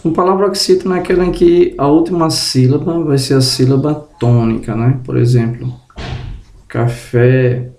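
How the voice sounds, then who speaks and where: Man, teacher, deliberate pace, drawn-out examples, just woke up, echoey room. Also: on the high side, fairly even intonation, creaky, darkish tone. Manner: slow and deliberate, drawing out example words; tag questions to the viewer. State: just woke up, tongue tripping. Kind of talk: spoken grammar lesson.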